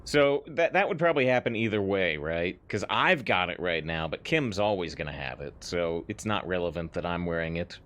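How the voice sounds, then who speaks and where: Un uomo che commenta una partita a un videogioco in tono colloquiale, chiacchierando, leggendo i dialoghi ad alta voce e ridendo spesso. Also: male voice, low voice, animated, normal speed, few pauses, fairly bright tone. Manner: chatty, laughs often, reads lines aloud. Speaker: let's play host. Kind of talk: casual gameplay commentary.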